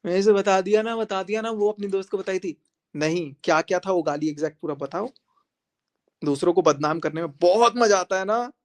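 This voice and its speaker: A man on a live stream, speaking confrontationally and repeating himself as he calls a rival to join him. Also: on the high side. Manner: confrontational, repetitive, addressing viewers directly. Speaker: livestreamer.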